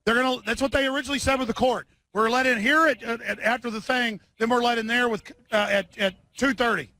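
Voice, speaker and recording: A man's voice: extremely high pitch, fairly even intonation, fast talker, sharp tone. A man hosting a live broadcast from an outdoor rally. He rambles sarcastically, sounds tired, and trips over his words. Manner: sarcastic, scattered, lots of restarts. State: short on sleep. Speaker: live-stream host.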